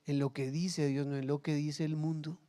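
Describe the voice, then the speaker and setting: A man's voice: on the high side, level tone, moderate pace, dark tone. A man preaching a sermon as pastor, humorous and acting out everyday scenes in little quoted voices.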